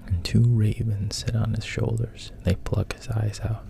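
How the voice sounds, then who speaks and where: Speaking on the low side in a level tone, with slight background noise, a man recounts a story informally. His gravelly, breathy delivery is hushed and halting, frequently sinking to a whisper.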